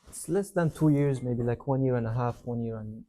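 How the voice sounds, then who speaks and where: He's a young man from Yemen, brought up in Saudi Arabia, appearing as a university-student guest in a casual interview. His voice is mid-range and fairly quick, and his relaxed, rambling answers are packed with "like" and "you know."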